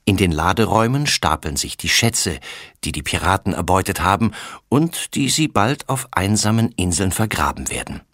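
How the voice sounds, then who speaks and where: A man narrating a children's storybook as an audiobook reader, with an expressive storytelling melody. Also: sits low, moderate pace, no room sound, studio quality.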